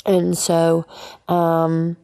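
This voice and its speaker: Woman, gravelly and a bit low, candid testimony with lots of fillers and restarts. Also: completely flat delivery, drawn-out words, warm tone. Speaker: interviewee sharing her life story. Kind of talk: personal testimony.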